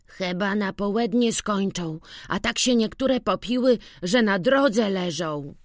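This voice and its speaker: A narrator voicing an eager young village farmhand boy in a high, excited, chattering voice in an audiobook. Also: slow pace, no room sound, clean studio sound, close to an everyday voice.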